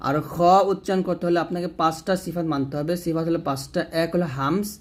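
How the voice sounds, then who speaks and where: A man giving a recitation lesson, explaining and demonstrating each letter sound slowly, and asking viewers to repeat after him. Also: fairly high pitch. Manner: addresses viewers directly. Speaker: Quran recitation teacher. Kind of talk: tajweed lesson.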